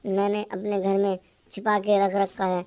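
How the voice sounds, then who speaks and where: एक महिला कार्टून कहानी में एक बूढ़े, डींग मारने वाले और धमकाने वाले जंगल के चोर की आवाज़ सपाट कथा-वाचन अंदाज़ में पढ़ रही है।. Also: female voice, medium pitch, moderate pace, smooth, natural voice. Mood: boastful. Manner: monotone storybook reading. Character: old male forest thief, boastful and threatening.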